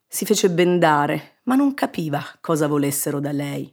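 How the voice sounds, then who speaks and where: A woman narrating a children's story in an expressive, measured reading. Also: low voice, gravelly. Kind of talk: scripted narration.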